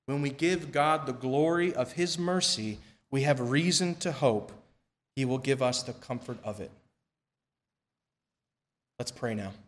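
Preaching from the pulpit microphone of a church sanctuary, a man of medium pitch leads prayer and reads scripture. His delivery is measured and emphatic, with phrase endings that trail off softly.

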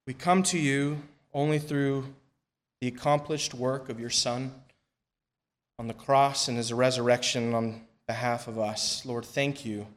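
A man preaching a sermon and leading prayer at a pulpit microphone in a church, reading scripture in a measured, emphatic way that falls soft at the ends of phrases. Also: medium pitch. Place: church sanctuary.

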